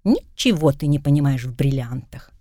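A woman's voice: very deep voice, normal speed, no echo, studio quality, voice pushed down. A woman voicing a witty, mischievous young woman in an audiobook. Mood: playful. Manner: lively, wry, chatting to her cat.

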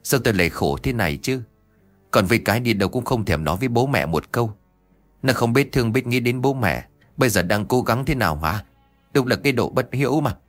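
A man's voice: mid-range voice, expressive, brisk, dry recording, soft background music, pitched above the performer's own voice, natural voice. A man voicing a worried middle-aged village mother in a spoken ghost story, pleading and tearful.

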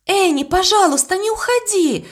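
A woman's voice: very high-pitched, normal speed, voice pushed up. Eager little girl, voiced by a woman. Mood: pleading, eager. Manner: pleading, excited.

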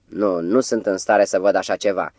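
A man's voice: low voice, fairly even intonation, a little mellow, no echo, lightly acted. A man voicing a tearful, frantic young female secretary, pleading and sobbing. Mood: distraught.

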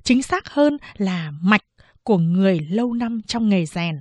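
A woman reading a novel aloud in slow, measured audiobook narration. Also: mid-range voice, expressive, no echo.

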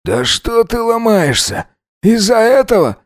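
A man putting on a shrill drunk boyfriend. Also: moderate pace, no echo, clean studio sound, close to an everyday voice. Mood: taunting. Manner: mocking, shrill, aggressive. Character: drunk spiteful young man, cheating boyfriend.

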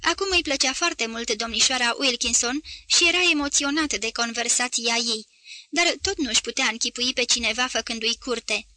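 A woman narrating a literary novel as an audiobook, with a measured, even delivery. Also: a little high, no room sound.

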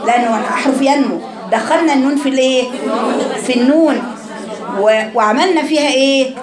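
A woman's voice: high voice, fast talker, roomy sound, a crowd in the background. A woman with an Egyptian accent teaching a class on Quran recitation, asking her students questions and demonstrating sounds. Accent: Egyptian Arabic. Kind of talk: classroom lesson.

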